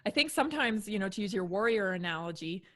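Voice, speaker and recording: A woman's voice: mid-range voice, animated, quick pace, fairly bright tone. A woman hosting a podcast interview, chatting casually and affirming her guest often. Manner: encouraging, frequent affirmations, chatty. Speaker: podcast host.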